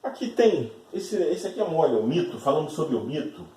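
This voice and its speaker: A man's voice: on the high side, very animated, fairly quick, mellow, far from the mic, a little hiss or hum. A male teacher giving a recorded grammar lesson, patient and explanatory, often checking in with short tag questions. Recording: echoey room, voice off-mic.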